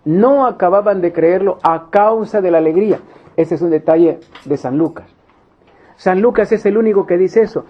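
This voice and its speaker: A man's voice: high voice, normal speed. A man preaching at a Bible study, emphatic and repeating his key phrases for weight. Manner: emphatic, repeats key phrases, acts out little quoted scenes. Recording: dull lo-fi recording.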